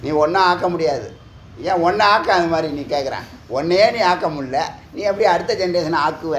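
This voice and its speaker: Man, spiritual teacher, rhetorical scolding, fairly high voice, echoey room. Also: fairly quick, fairly bright tone. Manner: scolding rhetorical questions, teasing. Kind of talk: Tamil discourse on scripture. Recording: echoey room, faint background noise.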